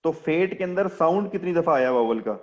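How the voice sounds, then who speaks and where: A man's voice: on the high side, lively intonation, brisk, slight background noise. Man teaching in a lo-fi online class. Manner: explains step by step, quizzing students. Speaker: English teacher.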